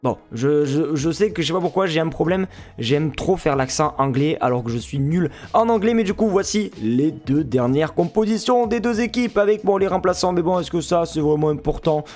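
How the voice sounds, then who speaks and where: Chatty French man, higher voice. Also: animated, normal speed, a little mellow, faint music behind. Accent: French (France). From France. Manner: jokey, chatty, addresses viewers as friends. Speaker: football fan YouTuber and Twitch streamer. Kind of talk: casual pre-match football analysis vlog.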